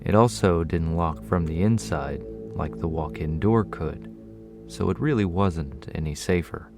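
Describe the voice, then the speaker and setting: A man reading a first-person horror story in a measured, low-key way. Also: over music. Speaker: narrator. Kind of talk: scripted horror story narration.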